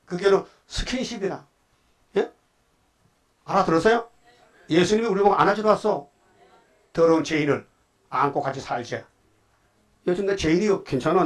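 A man preaches a Sunday afternoon sermon in a slightly higher than usual voice. He retells scripture in plain everyday speech and keeps prodding his listeners with quick questions. He moves between loud outbursts and hushed asides. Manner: colloquial storytelling preaching, prodding the congregation with "예?". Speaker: pastor.

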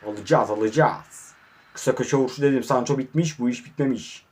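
A young man calls the action of his own online football game, fairly quickly and with a breathy edge, talking to the on-screen players and going from low mutters to excited shouts.

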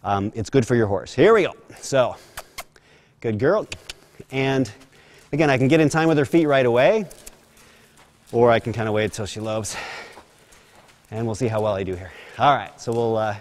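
A man's voice: mid-range voice, normal speed, long pauses. Man chanting rhythmic counts, teaching horsemanship. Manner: light self-deprecating asides. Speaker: horse trainer. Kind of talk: hands-on riding instruction. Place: horse arena.

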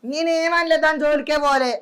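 A woman's voice: sits high, fairly even intonation, brisk, fairly bright tone, a little hiss or hum. A woman playing a young village man with a Telangana accent, pleading with his sister and apologizing over and over. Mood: defensive. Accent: Telangana Telugu.

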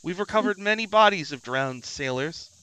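A man voicing a solemn, guarded servant of a swamp shrine, formal and measured in a tabletop game. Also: fairly high pitch, lively intonation, bright, forceful tone, clear, resonant tone, pitched above the performer's own voice, poor audio. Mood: reverent.

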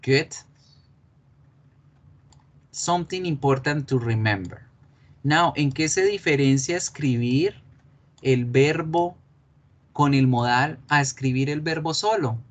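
Un hombre con acento colombiano que da una clase de inglés en línea y explica despacio, repitiendo los ejemplos. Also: male voice, a little high. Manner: slow, explanatory, repeats examples. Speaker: English teacher. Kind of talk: online class.

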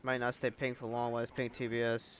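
Young man stuffed up and sleepy, live game commentary, flares up excited, faint hum behind. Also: medium pitch, brisk, lo-fi sound. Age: young adult. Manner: laid-back, bursts into excited shouts at action. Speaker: game streamer.

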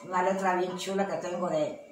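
A woman's voice: on the low side, fairly even intonation, fairly quick, over music. Chatty older Mexican grandmother, echoey distant sound. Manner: chatty, rambling, affectionate. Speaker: vlog host, grandmother. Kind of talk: casual home vlog chat. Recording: echoey, distant mic, clear background noise.

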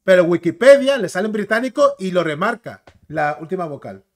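Man, from the Canary Islands, casual clip commentary, slangy, chatty, slightly high voice. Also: very animated, a little fast, darkish tone. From Canary Islands, Spain. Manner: chatty, slangy, keeps tagging phrases with "tío" and "¿vale?". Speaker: video commentator.

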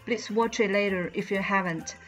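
In a steady, medium-pitched tone at normal speed, a woman narrates a scripted factory walkthrough while soft music plays underneath. She is the channel host and a mold company representative, in her thirties and from China, and her careful English is slightly non-native with a Chinese accent. The setting is indoors with a plain bright backdrop, filmed by a front-facing camera at medium close range.

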